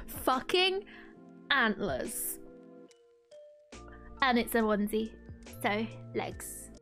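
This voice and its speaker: A woman's voice: fairly high pitch, very animated, drawn-out words, pauses often, sharp tone, soft background music. A young woman streaming a video game, chatting casually and breaking into frequent giggles and squeals. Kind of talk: casual gameplay commentary.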